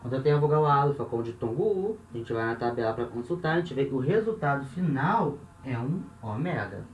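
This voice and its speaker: A man's voice: mid-range voice, lively intonation, a little fast, far from the mic, dull audio. A man with a Brazilian Portuguese accent teaches a lesson, working through each step, counting aloud and often checking that his listeners follow. He stands some way from the microphone in an echoing room, with a faint hiss in the background. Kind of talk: classroom lesson at a board. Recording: roomy echo, off-mic, faint hiss.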